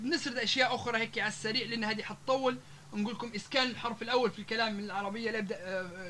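A man with a Libyan Arabic accent lectures a live audience at a rapid clip in a high, bright voice. He strings example words together one after another, broken by drawn-out "aah" fillers, with faint room noise behind him.

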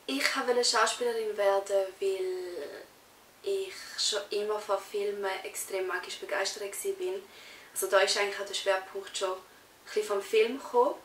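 Seated on a sofa in a small room, a young adult woman from Switzerland, an actress with a Swiss German accent, answers interview questions casually. She speaks at a moderate pace in a mid-range, fairly bright voice with fairly even intonation, picked up by a distant mic with roomy echo and faint hiss.

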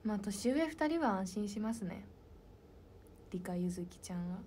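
A young woman, a member of an idol group, chatting casually with fans and answering their questions, soft-spoken and slipping into whispered asides. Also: medium pitch, lively intonation, normal speed, slight background noise.

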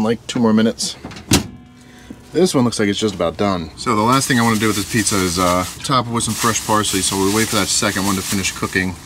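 A young man vlogging as he cooks in a small camper van kitchen, relaxed and chatty. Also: fairly low pitch. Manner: relaxed, chatty, talks while cooking. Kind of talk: casual cooking vlog. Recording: noisy camper van recording.

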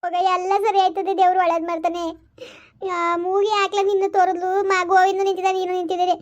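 Woman doing old village mom, super high and quick, fussing and praying over her son. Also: level tone, highs cut off. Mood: consoling. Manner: fussing and consoling, invoking God. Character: worried village mother, older woman, pious and tender. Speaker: mother of a banished son.

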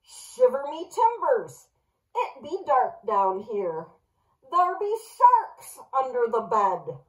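A swaggering pirate storybook full of gruff sea-dog bluster, as a woman puts it on. The voice sits high and moves along slowly, like a children's book read aloud. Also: wildly swooping pitch, full character voice. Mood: blustery.

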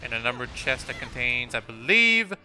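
This young let's play commentator speaks at normal speed in a mid-range, sharp voice with big pitch swings. Game music runs behind his rambling, casual talk, which is full of self-corrections, restarts, and fillers like "uh" and "like."

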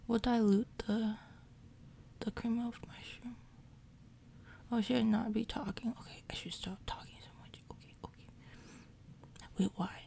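Recovering from jaw surgery, a female ASMR roleplay performer keeps up a loose, rambling chat in a breathy half-whisper, repeating words in quick strings. Low-quality audio captures a continuous machine sound in the background.

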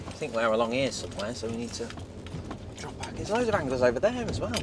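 A man's voice: mid-range voice, big pitch swings, fast talker. A man presenting a casual fishing vlog outdoors, talking viewers through the venue with chatty enthusiasm. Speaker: fishing vlogger. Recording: outdoor recording with clear background noise.

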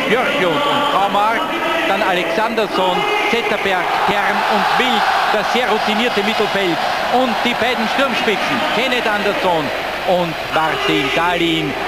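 A middle-aged man giving live pre-match football commentary on a headset in a stadium. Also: high-pitched. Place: commentary position in a packed open stadium. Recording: loud stadium crowd and noise.

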